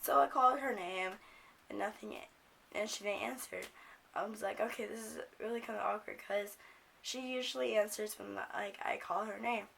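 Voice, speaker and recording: A young American woman with a raspy, smoker-like voice from a cold, telling a story casually in a rambling, sweary way. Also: medium pitch, normal speed, fairly bright tone, slight background noise. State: sick with a cold, coughing. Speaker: video blogger.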